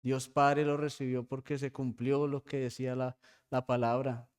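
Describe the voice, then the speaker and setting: Spanish-speaking man preaching with a smooth voice. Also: medium pitch, level tone, moderate pace, darkish tone. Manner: preaching with frequent rhetorical "¿sí?" checks; addresses congregation as brothers. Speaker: pastor. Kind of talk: sermon. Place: church.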